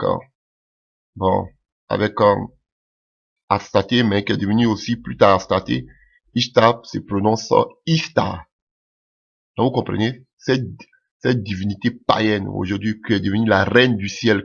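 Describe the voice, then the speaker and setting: A man from Ivory Coast preaching a sermon, with halting, repeated phrases and hallelujah said between lines. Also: on the low side, vocal fry. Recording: dull lo-fi recording.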